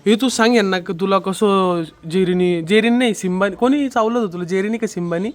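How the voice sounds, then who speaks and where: A man's voice: sits high, a little fast. A young man vlogging casually at home, teasing his family and chatting straight to his viewers. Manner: playful, teasing, addresses viewers directly. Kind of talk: casual family vlog chat.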